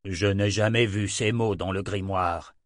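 A man's voice: low voice, fairly even intonation, unhurried, no room sound, clean studio sound. A man voicing an ancient wizard who grows exasperated and defensive, in an audiobook reading. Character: ancient male wizard, proud and irritable.

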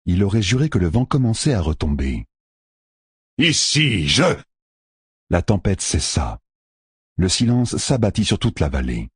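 Deep, husky male audiobook narrator. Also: dry recording, clean studio sound. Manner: expressive, dramatic reading. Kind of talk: scripted narration.

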